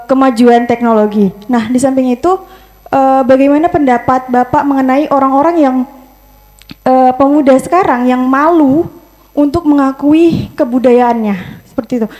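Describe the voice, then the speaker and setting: A woman's voice: high-pitched, dark tone. A woman from North Sumatra asking a question from the audience, hesitant with frequent fillers.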